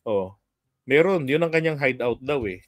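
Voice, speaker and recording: A man's voice: mid-range voice, animated, normal speed, no room sound, studio quality. A man from the Philippines hosting a political commentary livestream, telling stories in a chatty way and laughing often.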